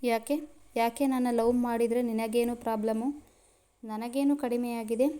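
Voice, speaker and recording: Brief: indignant young woman in love, voiced by a female reader, demanding, slightly high-pitched. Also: fairly even intonation, measured pace, mellow, lightly acted.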